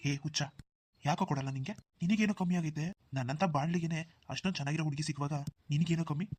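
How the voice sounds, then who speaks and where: A man voicing a well-off, generous young village man in a cartoon, who talks briskly and hushes others' worries. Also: on the high side, natural voice. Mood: reassuring. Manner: brisk, dismissive of worries, hushing. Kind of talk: Kannada cartoon dubbing.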